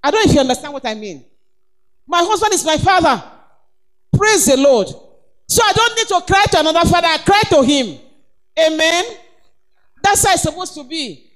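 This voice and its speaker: Nigerian woman preacher, high-pitched, emphatic and exhorting. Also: lively intonation, normal speed, long pauses, fairly bright tone. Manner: emphatic, exhorting, calls of praise. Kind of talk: sermon.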